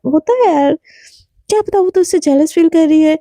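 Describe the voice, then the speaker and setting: A woman's voice: very high voice, moderate pace, dark tone, no echo, clean studio sound. A woman doing a nosy cheerful girlfriend. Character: cheerful, curious young female friend.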